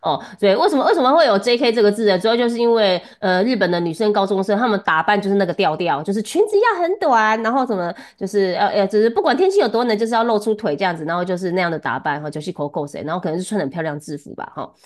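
A woman's voice: mid-range voice, animated, rapid-fire, hardly any pauses. A woman giving a one-on-one Japanese lesson, chatty and laughing often as she coaches pronunciation. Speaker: Japanese tutor.

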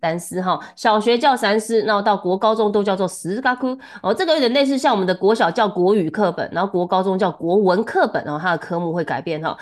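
A Japanese tutor gives a one-on-one lesson, coaching pronunciation in a chatty way and laughing often. She has a medium-pitched voice and talks fast, with hardly any pauses.

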